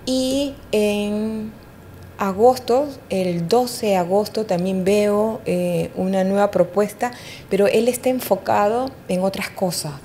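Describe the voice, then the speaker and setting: Brief: woman psychic in an interview, mellow tone, hesitant with many fillers, faint rumble behind. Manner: hesitant, fills pauses with "eh" and "¿me entiendes?". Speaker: astrologer and psychic. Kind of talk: interview, giving psychic readings.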